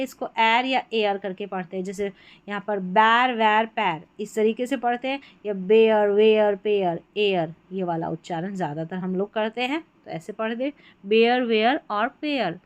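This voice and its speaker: A woman who speaks as her teaches English spelling patterns from a chart. She draws out each example word slowly between her explanations. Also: on the high side, lo-fi sound. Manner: slow, drawn-out example words between explanations. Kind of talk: spelling lesson walking through a chart.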